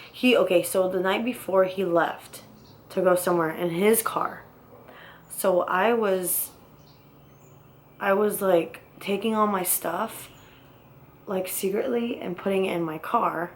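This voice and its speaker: A woman's voice: on the low side, a little hiss or hum. A young woman casually telling her own story in a rambling, blunt way, swearing often.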